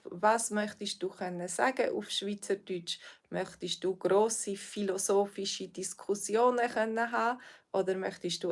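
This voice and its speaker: A Swiss woman with a mid-range voice and a Swiss accent, she's a language teacher fielding viewers' questions on a livestream. Her manner is friendly but hesitant, and she fills her speech with lots of fillers.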